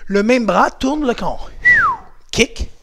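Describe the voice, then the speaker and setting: A man with a Québécois French accent leading a karate workout for kids, coaching with energy and shouting counts and kiai cries. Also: very high voice, expressive, slow, vocal fry, very noisy. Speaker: karate instructor. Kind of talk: home workout class for kids.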